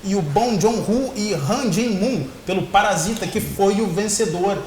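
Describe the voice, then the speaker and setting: A man's voice: high-pitched, a little slow, darkish tone, reverberant, slight background noise. A man hosts a casual panel show, informal, jokey and a little hesitant. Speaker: show host.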